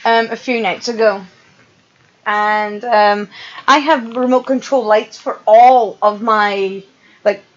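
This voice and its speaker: A woman's voice: medium pitch, steady tone, slow pace. A woman hosting a casual stream, telling sweary, chatty stories. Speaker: streamer host. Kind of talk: casual chat. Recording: muffled lo-fi stream audio.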